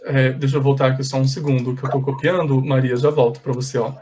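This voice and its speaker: A man's voice: medium pitch, little pitch movement, quick pace, a little mellow. A man teaching an English class online, patiently correcting exercises step by step and slipping in English phrases.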